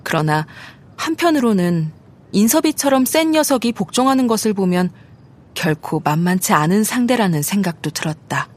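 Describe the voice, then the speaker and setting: A woman reading an audiobook story aloud in a steady, measured narration. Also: mid-range voice. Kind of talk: scripted narration.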